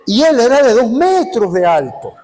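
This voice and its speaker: A man with a Venezuelan accent preaching a sermon, telling stories in a lively way and acting out every voice in them. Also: extremely high pitch, moderate pace. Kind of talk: sermon storytelling. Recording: long hall reverb.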